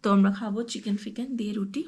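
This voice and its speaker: A woman co-hosting a casual travel vlog with her husband, relaxed and plainly explaining. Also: medium pitch, fast talker, a crowd in the background. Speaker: travel vlogger, co-host.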